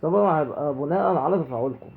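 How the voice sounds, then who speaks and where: A man's voice: fairly high pitch, very fast, creaky, slightly rough, phone-quality sound. A man with an Egyptian Arabic accent giving chatty let's play commentary, talking to himself and his viewers as he plays. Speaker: gaming YouTuber.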